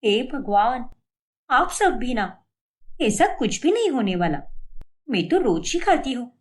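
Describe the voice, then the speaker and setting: A cheerful young daughter-in-law in a cartoon story, voiced by a woman. She brushes off every complaint in a breezy, carefree way, with a high voice that swings widely. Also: sing-song, a little slow.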